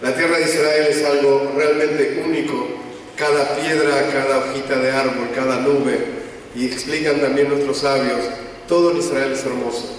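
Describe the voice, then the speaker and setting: A man, a rabbi giving a measured, explanatory lecture in a large temple. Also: medium pitch, level tone, a little hiss or hum. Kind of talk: synagogue lecture. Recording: echoey hall from far off.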